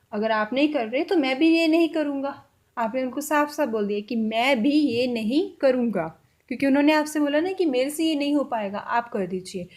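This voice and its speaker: A woman teaching a language lesson, saying example sentences slowly and repeating them with care. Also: high-pitched.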